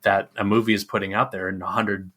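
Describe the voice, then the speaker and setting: A man's voice: fairly low pitch, level tone, fast talker, fairly bright tone, husky. A man hosting a film podcast, chatting casually and playfully, often stumbling and restarting lines. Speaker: podcast host. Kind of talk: casual chat.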